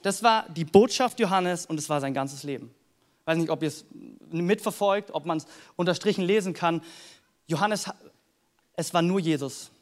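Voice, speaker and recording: Pastor, male, high-pitched, earnest, chatty preaching. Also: normal speed, pauses often. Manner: earnest, conversational preaching with Bible readings. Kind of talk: sermon.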